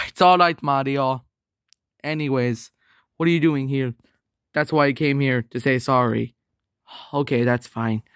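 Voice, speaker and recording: A man voicing a sick, weary plumber in a plush toy skit, talking quietly and tiredly with a sore throat. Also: fairly even intonation, measured pace, long pauses, clean tone, dry recording, clean studio sound. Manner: low, tired, quiet delivery with sighs.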